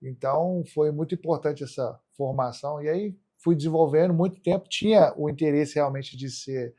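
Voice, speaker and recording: A man's voice: fairly high pitch, normal speed, mellow. Brazilian man casually telling his story. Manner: colloquial, frequent tag questions seeking agreement. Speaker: podcast guest, martial arts athlete.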